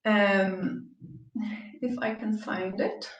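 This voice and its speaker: A woman's voice: medium pitch, steady tone, drawn-out words. Echoey west of Ireland woman. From Galway, Ireland. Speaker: translator, guest speaker. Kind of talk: informal online presentation. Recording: roomy, echoey, distant microphone.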